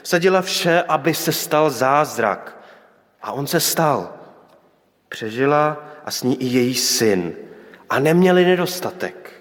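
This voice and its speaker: A man's voice: on the high side, lively intonation. A man preaching a sermon, reflective, with pointed rhetorical questions and quoted voices. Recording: long hall reverb.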